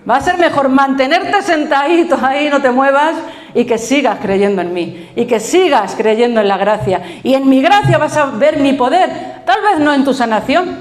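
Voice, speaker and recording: A middle-aged woman pastor with a Spain Spanish accent preaches in a fairly high voice. She tells the story with energy, slips into quoted voices and laughs along the way. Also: normal speed, echoey room. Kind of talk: sermon.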